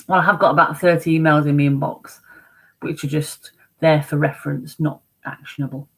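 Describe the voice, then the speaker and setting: In a rough recording, a female livestream host chats from home one casual morning, rambling on about her week and reading out comments from viewers as she replies. She has a low, gravelly voice with a breathy edge, fairly even intonation and a moderate pace.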